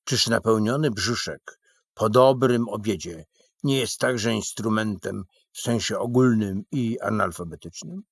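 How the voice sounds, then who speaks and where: A man voicing a sly male vagabond in a storybook who rambles in a quick, mock-learned way. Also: lowish voice, breathy edge, dry recording.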